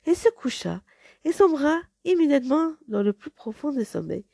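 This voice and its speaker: A woman narrating a fairy tale in an expressive, dramatic read-aloud manner. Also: high voice, normal speed, vocal fry, no room sound. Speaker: storyteller.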